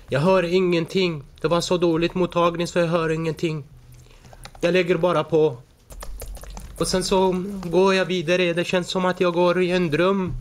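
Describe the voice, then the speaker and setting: Halting high-voiced man in his forties. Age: 40s. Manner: halting, stumbles and restarts words. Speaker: defendant. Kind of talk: court testimony, personal account. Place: courtroom.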